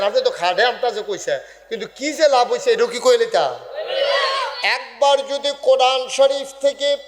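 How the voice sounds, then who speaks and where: A man gives a humorous sermon, quizzing and teasing the crowd in call-and-response, shouting some words and singing others. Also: high voice, in a large hall. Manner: shouts key words, sings some phrases. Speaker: Islamic preacher. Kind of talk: humorous sermon at a religious gathering. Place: large religious gathering over loudspeakers.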